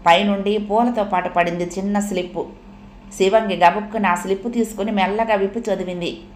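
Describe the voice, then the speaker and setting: A woman narrating a serialized story aloud at a steady pace. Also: mid-range voice, brisk, a little hiss or hum. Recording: echoey room.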